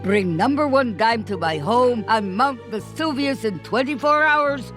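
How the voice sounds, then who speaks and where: This cutscene features a woman with a fairly high, slightly bright voice playing a scheming sorceress duck, a villain gloating in broken grammar. She sounds animated but unhurried, with music playing behind her.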